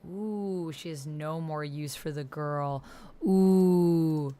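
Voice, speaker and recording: A woman with a voice that sits low talks extremely slowly during a livestream of a text-based roleplaying game. She reads narration aloud and banters casually, reacting in an excitable, slangy way, over slight background noise.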